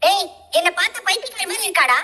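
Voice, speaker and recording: A woman's voice: extremely high pitch, expressive, fast, bright, forceful tone, faint music behind, exaggerated voice. A woman voicing a superstitious middle-aged mother who pleads and demands that her daughter-in-law be sent away. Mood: pleading. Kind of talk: dramatic serial dialogue retelling. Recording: long reverberant echo.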